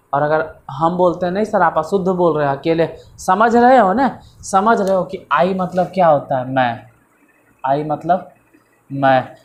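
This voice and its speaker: A man's voice: fairly high pitch, slight background noise. A man teaching a casual beginners' grammar lesson, chatty and repetitive, with a self-mocking manner.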